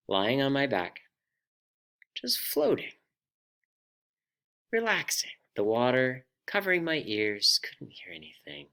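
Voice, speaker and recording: A man hosting a personal finance vlog, telling a story in an animated, self-deprecating way. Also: medium pitch, creaky. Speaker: vlog host.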